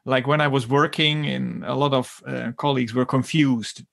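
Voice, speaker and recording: Middle-aged man, gravelly voice, thoughtful, hesitant, lots of restarts, podcast guest. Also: medium pitch, fairly even intonation, moderate pace, a bit bright. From Netherlands and Germany. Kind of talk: conversational interview.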